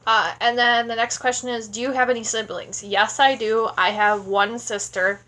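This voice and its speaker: Recorded at low quality on a nearby tablet camera, this Wisconsin vlogger in her thirties sounds sleepy as she chats her way through a home Q&A in a small room. Her pitch is on the high side and level, her pace moderate, and her tone bright and forceful, with plenty of rambling and fillers.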